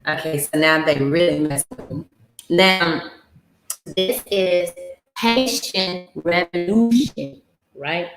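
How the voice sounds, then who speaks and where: A woman hosting a casual livestream, talking slowly and haltingly with many fillers and restarts. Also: lowish voice. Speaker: livestream host. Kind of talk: casual livestream talk about history. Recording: echoey room with faint guitar music.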